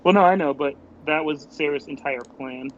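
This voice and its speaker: A man playing a tabletop game, quickly narrating what his character does. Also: on the high side. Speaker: player. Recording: dull lo-fi stream audio, faint hum.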